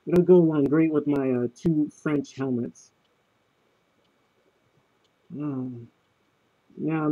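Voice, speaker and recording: A man's voice: a little high, mellow. A man talking from inside a gas mask that muffles his voice, giving a casual, matter-of-fact review of the mask. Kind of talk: casual product review video. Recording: dull, muffled sound through a mask.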